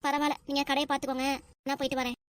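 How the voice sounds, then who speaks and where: A woman's voice: high voice, level tone, no echo, clean studio sound, close to an everyday voice. A woman voicing a fussy young housewife in a cartoon family comedy, with a Tirunelveli Tamil accent. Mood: pleading. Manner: rapid, fussy, protesting. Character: busy young housewife, wary of relatives.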